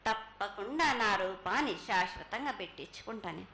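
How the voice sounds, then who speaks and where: A woman's voice: medium pitch, animated, moderate pace, pushed and bright. A woman with a Telangana Telugu accent delivers a ritual prophecy in a trance voice as a mother goddess, speaking with authority to her children. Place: temple festival with live ambience. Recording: echoey live temple ritual with background noise.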